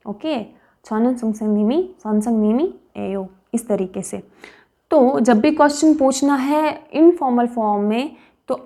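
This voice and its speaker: A woman teaching a language lesson, explaining patiently and repeating example phrases slowly, syllable by syllable. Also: sits high, a little mellow.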